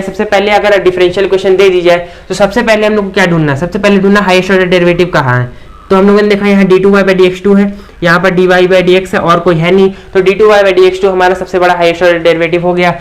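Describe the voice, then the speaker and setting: A man's voice: high-pitched, steady tone, fast talker. A man teaching a maths lecture at a board, asking the class questions and answering them himself, often checking in with "theek".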